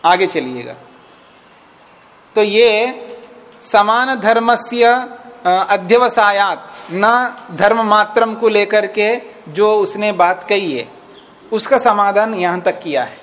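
Swami teaching a class, high voice, takes it slow, recites then explains bit by bit. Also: male voice, lively intonation, a bit bright. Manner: recites Sanskrit lines, then explains them phrase by phrase; checks the class with questions. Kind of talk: classroom lecture on a scripture text. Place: teaching session at a retreat.

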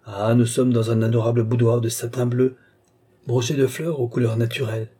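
A man voicing a young woman under a trance who tenderly and slowly describes her visions in a storybook reading. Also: medium pitch, flat delivery, mellow, breathy edge, lightly acted. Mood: dreamy entranced. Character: young woman, entranced clairvoyant, tender and devoted.

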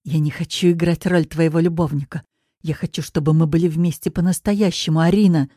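A drunk, aggressive young man pressing himself on a woman, voiced in a low, mellow register by a woman reading an audiobook. His delivery is pushy and menacing, set in a close, dry recording. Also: steady tone, fairly quick, dry recording. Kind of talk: audiobook character voice.

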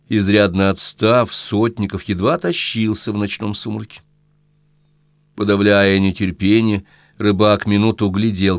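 A man with a fairly low voice narrates a literary audiobook, reading scripted prose as a storyteller. The recording is dry, with very little room sound.

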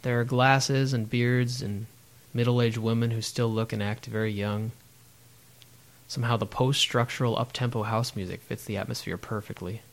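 A man's voice: mid-range voice, steady tone, moderate pace. A man reading a wry, reflective travel-diary narration.

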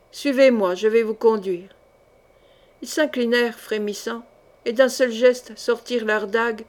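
A woman reading a novel aloud as an audiobook narrator, in a measured, dramatic storytelling manner. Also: a little high. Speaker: audiobook reader.

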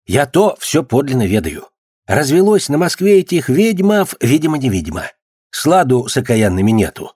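A man's voice: medium pitch, very animated, moderate pace, a little mellow, slightly rough, no room sound, studio quality, pitched above the performer's own voice. A man voicing a boastful, gossipy male street trader who claims to know everything.

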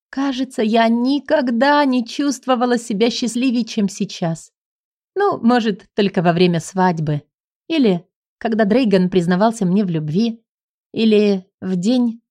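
A woman narrating a first-person fantasy audiobook in a lively, expressive way. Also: a little high.

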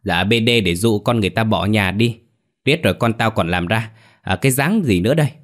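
A man voicing a furious middle-aged mother who hurls rapid, scornful insults in a ghost story audiobook. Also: on the low side, lively intonation, close to an everyday voice.

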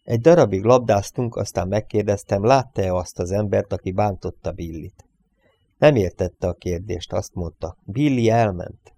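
A man reading a novel aloud as an audiobook narrator, lifting his voice for the characters' lines and dropping quietly on the speech tags. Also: no room sound. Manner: reads dialogue with lifts for characters, drops low on speech tags.

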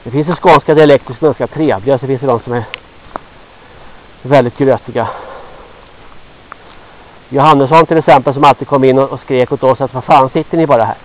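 A man in his sixties from Sweden rambling gruffly to himself on a walk through a forest, sweaty and a little out of breath. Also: mid-range voice, fairly even intonation, pauses often. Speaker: vlogger. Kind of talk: rambling walk-and-talk monologue. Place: outdoors in a forest. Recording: dull lo-fi outdoor recording.

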